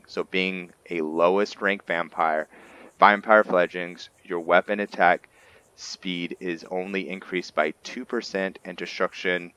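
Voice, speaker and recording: A gamer narrates his roleplay playthrough with casual commentary, explaining things to viewers and frequently answering his own questions. His voice sits low and sounds pushed and bright, without echo.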